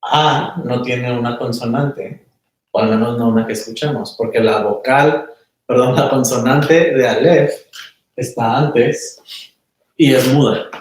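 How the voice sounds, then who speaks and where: A man teaching a small class in a relaxed, conversational way, often checking that his students follow. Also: medium pitch, unhurried. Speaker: meditation teacher. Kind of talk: casual class lecture. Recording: very echoey room, mic far off.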